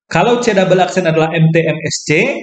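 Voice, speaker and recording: A man's voice: a little high, quick pace, roomy sound. A man explaining a geometry proof as a math lecturer, thinking aloud, correcting himself and checking in with listeners. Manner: thinks aloud, self-corrects, asks "ya kan?".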